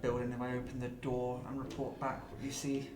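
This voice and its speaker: A man's voice: medium pitch, completely flat delivery, fairly quick. A man playing a tabletop game, talking in an easygoing way. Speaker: player. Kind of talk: casual tabletop play. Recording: roomy room, music.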